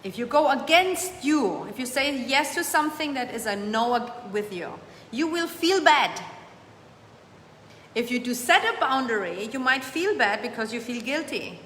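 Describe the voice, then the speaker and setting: A woman hosts a live coaching stream, her slightly high voice warm, encouraging, and emphatic, with lively intonation and a measured pace. She repeats phrases for emphasis and reads viewer comments aloud before answering them. The echoey room has long reverb, faint ambience, and a low background hum.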